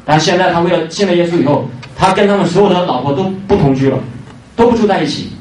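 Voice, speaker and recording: A preacher with a voice on the high side and a darkish tone gives an evangelistic sermon, pressing his points emphatically and repeating key phrases, with fillers in between. He is captured from some distance in a reverberant church hall, over faint noise.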